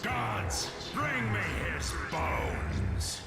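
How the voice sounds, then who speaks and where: An actor playing an ancient undead skeleton king in a fantasy game, rasping, wrathful and menacing. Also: wildly swooping pitch, heavily acted. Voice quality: rasping, gravelly. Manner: slow, menacing, booming proclamations. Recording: echoing, distant, under loud game music.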